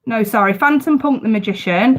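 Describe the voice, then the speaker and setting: A woman leads a casual live tarot stream, talking chattily and directly to viewers through a congested voice. She sounds a little high and keeps a brisk pace.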